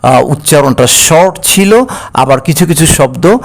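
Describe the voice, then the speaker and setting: A male teacher with a Bangladeshi accent talks through a primary-school English lesson at an unhurried pace. His voice has a gravelly edge and sits fairly high for a man. He stops often to hesitate and reads each English instruction slowly before he explains it. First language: Bengali. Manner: slow, deliberate, with frequent hesitation sounds.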